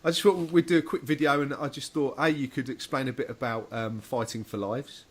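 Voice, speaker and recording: A man's voice: mid-range voice, fairly even intonation, fairly quick, crowd noise. A man hosting an interview, chatty and full of fillers. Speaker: host. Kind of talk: casual interview.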